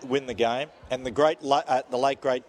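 Man, radio quizmaster, mid-pitched voice, jokey, laughing asides. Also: fairly even intonation, normal speed. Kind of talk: casual radio banter.

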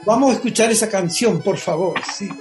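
A performer visits a radio show and tells stories in a theatrical, expressive way, full of flair. The voice sits at a middle pitch and moves through anecdotes with dramatic emphasis. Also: brisk, over music. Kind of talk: casual radio interview.

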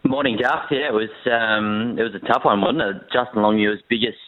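A very deep-voiced man calls in as a sports reporter and breaks down the game plainly, with a lot of hesitation. His voice comes through a crackly phone line that drops in and out, tinny and thin, with no room sound at all. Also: fairly even intonation, dry recording. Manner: frank, measured, with many hesitations. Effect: crackly phone line that cuts in and out. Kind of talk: phone-in football analysis.

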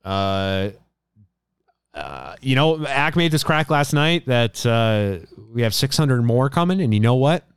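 A man hosts a podcast in easygoing, rambling chat, circling back and restarting sentences as he goes. His voice sounds smooth and resonant and sits at an average pitch. The sound is close and dry, with no room around it. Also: very animated, measured pace, dry recording. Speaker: podcast host. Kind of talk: casual chat.

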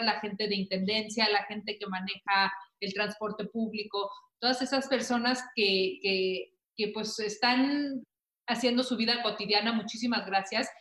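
A woman co-hosting a talk show speaks earnestly with feeling. Her voice is fairly high, and the room adds echo. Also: a bit bright. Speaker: co-host. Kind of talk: casual TV chat. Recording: echoey room.

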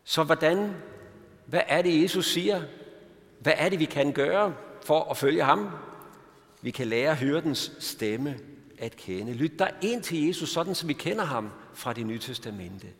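A man preaching a sermon as pastor, earnest, reading scripture slowly and calmly. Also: fairly high pitch, vocal fry. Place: church. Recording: reverberant church hall.

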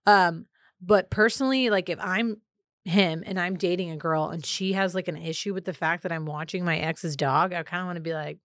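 A woman's voice: on the low side, brisk, fairly bright tone, dry recording, clean studio sound. A woman co-hosting a casual advice podcast, chatty and opinionated, with many filler words. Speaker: podcast co-host.

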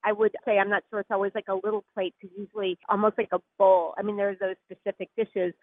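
A woman's voice: medium pitch, level tone, fast talker, no echo. A woman speaks over a tinny, phone-like line with dry sound. She talks as a guest in a chatty way, laughing easily and dropping "like" often. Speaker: food editor guest. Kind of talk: radio interview.

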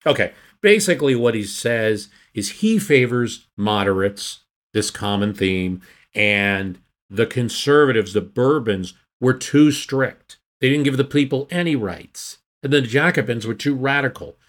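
A man's voice: medium pitch, expressive, unhurried. A man explaining history in a casual, storytelling podcast manner, with occasional restarts. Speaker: history podcast host or guest.

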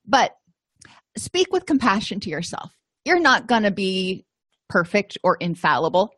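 A middle-aged woman from Florida talks through a course lesson at a medium pitch. She is chatty and self-deprecating, with lots of easy asides. The recording is close and dry, with no room sound. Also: very animated, a little slow, bright, forceful tone, breathy edge, dry recording. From Florida, USA. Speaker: counseling course instructor. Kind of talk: informal lecture.

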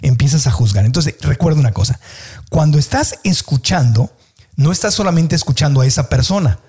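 Husky, mellow Mexican man coaching. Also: on the high side, lively intonation. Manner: earnest, coaching, stretches key words slowly. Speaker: podcast host. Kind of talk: motivational podcast talk.

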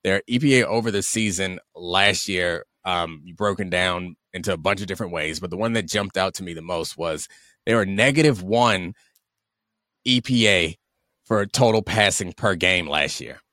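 A man's voice: sits low, normal speed, bright, forceful tone, dry recording, clean studio sound. A man co-hosting a sports podcast with wry, conversational casual commentary.

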